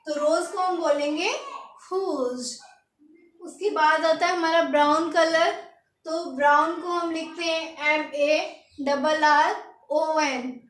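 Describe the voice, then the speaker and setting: A French teacher gives a lesson for beginners, spelling words letter by letter and having learners repeat after her. Her high, slightly bright voice moves little in pitch and goes slowly, and the room is echoey.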